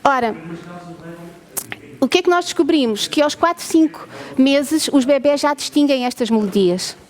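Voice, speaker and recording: With a high-pitched voice at a moderate pace, a woman with a European Portuguese accent shows visitors around her lab as a researcher. She often puts questions to the audience and checks that they're keeping up.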